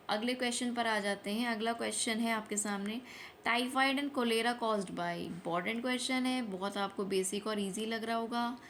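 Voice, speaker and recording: A woman teacher running a quick exam revision lesson, asking each question and repeating the answer so it sticks. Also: medium pitch, a bit bright, slight background noise. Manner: repeats each answer, mixes Hindi with English terms. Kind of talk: fast quiz-style revision lesson.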